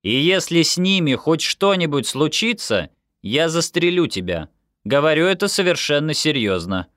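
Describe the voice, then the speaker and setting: A man reading an audiobook, voicing a stern woman security officer who answers flatly and makes dry threats. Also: a little high, normal speed, no room sound, voice pushed up. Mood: deadpan stern. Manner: flat, unimpressed, dry threats. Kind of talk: audiobook character voice.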